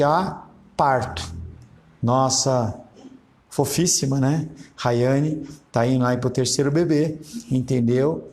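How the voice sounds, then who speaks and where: A man's voice: mid-range voice, a little mellow. A middle-aged man from Brazil, a pastor, preaching a sermon in a conversational way, acting out dialogue and often checking in with his listeners. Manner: conversational preaching, acts out quoted dialogue, frequent "entendeu?".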